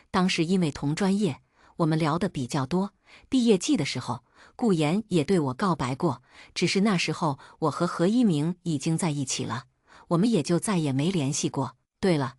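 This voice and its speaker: Husky woman reading a novel aloud. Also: lowish voice, darkish tone, dry recording, studio quality. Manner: reads all parts in her own voice. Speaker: narrator. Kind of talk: scripted first-person novel narration.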